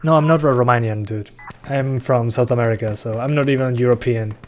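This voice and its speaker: Streaming live gameplay, a young man from Uruguay comments casually and reads chat messages out loud. His voice sits at medium pitch and moves a little fast, while faint gunfire and slight background noise run behind it.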